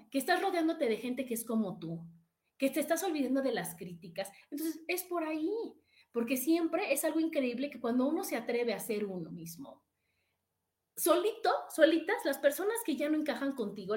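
A middle-aged woman with a Mexican accent and a high-pitched voice hosts a casual motivational live stream, talking directly to her viewers and reading their comments aloud.

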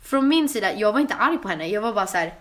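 Animated young woman telling stories. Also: mid-range voice. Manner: animated storyteller, mixes English phrases and swearing into her talk. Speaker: podcast co-host. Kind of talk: casual chat.

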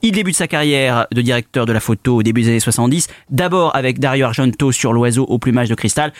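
A man's voice: medium pitch, fast, no room sound, studio quality. A man hosting a radio film segment, talking with many fillers and restarts. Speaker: radio show host. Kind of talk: cultural radio chat.

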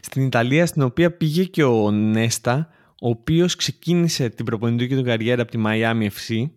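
A man's voice: medium pitch, a little mellow. A man co-hosting a casual football podcast, bantering and repeating phrases for effect. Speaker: podcast co-host.

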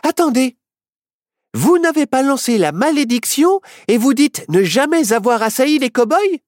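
A brave young storybook girl who speaks high, loud and insistent, firing questions one after another, voiced by a storyteller. Her voice swings widely in pitch and sits in a close, dry sound. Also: very animated, normal speed, no echo. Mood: urgent. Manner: urgent, insistent. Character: bold excited young girl heroine.

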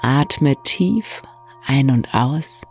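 Soft, hushed, very slow bedtime meditation voice. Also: mid-range voice, slightly rough. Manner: gentle, slow, hushed delivery with long pauses. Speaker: meditation guide and bedtime story reader. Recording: soft new-age music bed. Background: calm new-age music.

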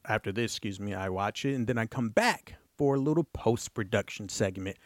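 A man hosting his own podcast in casual solo talk, excitable and rambling, with playful bursts of emphasis. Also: lowish voice, fairly quick, no room sound, clean studio sound. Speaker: podcast host.

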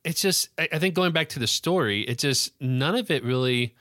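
A man co-hosting a podcast in casual chat, chatty and quick to laugh. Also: fairly high pitch, no room sound, studio quality. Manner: laughs often, animated and chatty. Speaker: podcast co-host.

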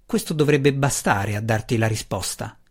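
Guy reading a proud dark elf matron, sharp and stubborn, pushy storybook villainess. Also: medium pitch, moderate pace, slightly rough, pitched below the performer's own voice, close to an everyday voice. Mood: stern. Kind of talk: audiobook reading.

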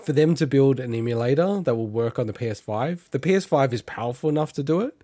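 A man's voice: mid-range voice, fast, no room sound, clean studio sound. An Australian man giving his opinionated take in a casual gaming chat. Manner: opinionated, animated rant. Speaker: podcast co-host.

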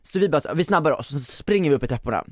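A woman in her twenties co-hosting a podcast, telling a story casually and acting out what people said. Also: low-pitched. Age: 20s. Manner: animated storytelling, acting out quotes. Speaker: podcast co-host.

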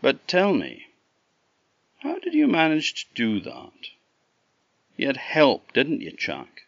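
A man's voice: mid-range voice, wildly swooping pitch, takes it slowly, creaky, dry recording, muffled recording, pitched above the performer's own voice, heavily acted. A Scottish man voicing a sly supernatural lord in a folk tale, mockingly genial and needling with his questions.

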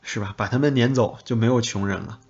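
A man's voice: medium pitch, fast talker, a little mellow. A man from China hosting a podcast, delivering blunt, sarcastic political commentary with crude insults. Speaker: podcast host. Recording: slightly dull lo-fi audio.

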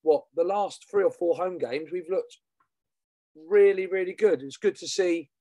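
A man talks in a slightly high-pitched voice, recorded very dry. He co-hosts a casual football show. His delivery is chatty and colloquial, full of banter. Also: a little slow, dark tone, no echo. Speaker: podcast co-host.

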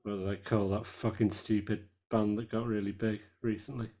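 A man's voice: on the low side, level tone, moderate pace, warm tone. A man co-hosting a casual music podcast, laid-back, swearing easily and trailing off with ums. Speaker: podcast co-host. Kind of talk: casual chat about music.

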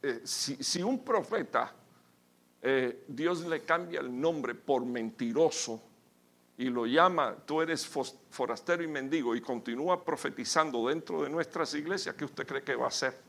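A male pastor preaching a sermon with emphatic, sudden loud bursts, calling his listeners brother. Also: mid-range voice, a little slow, creaky.

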